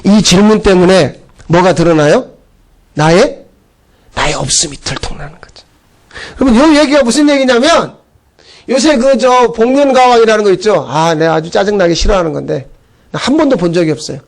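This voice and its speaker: High-voiced chatty male pastor. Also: moderate pace, creaky, long pauses. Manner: chatty and animated, acts out quoted voices. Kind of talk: conversational sermon.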